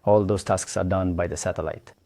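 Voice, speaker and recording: A Tanzanian man describes his engineering work in a very low, warm, mellow voice with a steady tone and an unhurried pace. He pauses often and restarts phrases, and the recording is dry and close.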